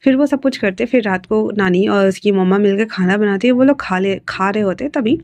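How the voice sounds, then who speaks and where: A woman's voice: mid-range voice, fairly quick, a little mellow, no echo. Chatty woman reading a story aloud. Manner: chatty asides to listeners. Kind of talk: reading fan fiction aloud.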